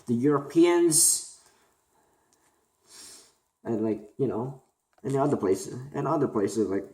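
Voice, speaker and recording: A young man from Korea speaks off the cuff to his camera in a mid-pitched voice, stumbling through fillers and restarts. The room around him is roomy and echoey. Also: dark tone. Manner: halting, many fillers and restarts. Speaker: student vlogger. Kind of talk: unscripted talk to camera. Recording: roomy echo.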